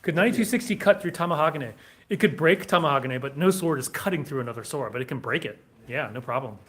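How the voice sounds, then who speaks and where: A man's voice: fairly high pitch, expressive, quick pace, a bit bright. A man co-hosting a sword shop live stream, reading viewer comments aloud in a casual way.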